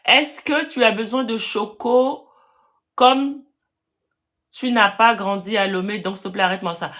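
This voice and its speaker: A woman's voice: medium pitch, steady tone, measured pace, fairly bright tone. A woman with a Parisian French accent, hosting a live stream to sell land and answering viewer comments in a direct, firm way. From France.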